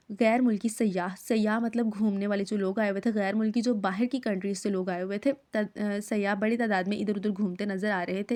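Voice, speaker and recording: A woman teacher from Pakistan reads an Urdu chapter aloud and then explains it line by line. She talks at a medium pitch. She pauses often to check that her students are following. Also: a little mellow. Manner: explains each word plainly, often checks with "okay?". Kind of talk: recorded classroom lesson.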